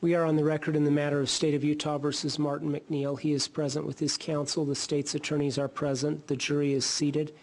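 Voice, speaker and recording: A man presiding as judge, giving measured, formal instructions, heard in a courtroom recording. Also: a little high, level tone, a little mellow. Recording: courtroom recording with faint background noise.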